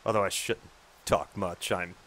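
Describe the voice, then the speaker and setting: A man in his forties talks through a video game in casual commentary, full of sarcastic and self-deprecating remarks. His voice sits somewhat low. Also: fairly even intonation, unhurried, a bit bright. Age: 40s. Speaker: gameplay commentator. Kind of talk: casual let's-play commentary.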